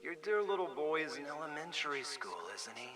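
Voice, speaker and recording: An actor playing a menacing loan-shark gangster in a game, threatening and taunting. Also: male voice, fairly high pitch, expressive, fairly quick, music in the background, lightly acted. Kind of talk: scripted game acting.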